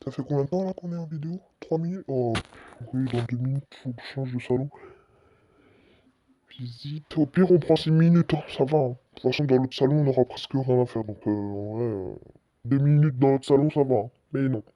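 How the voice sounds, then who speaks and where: A man's voice: medium pitch, fairly quick, mellow, no echo. A man giving casual commentary over a screen recording, chatty and stammering a little as he goes. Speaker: channel host. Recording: dull lo-fi dry mic.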